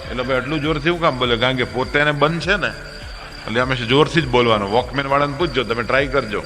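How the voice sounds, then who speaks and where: A man's voice: medium pitch, fast, sharp tone, in a large hall, faint music behind. A man with a Gujarati accent, a monk telling humorous stories in a religious discourse, acting out characters with changing voices. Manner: acts out characters with shifting voices. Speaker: monk storyteller.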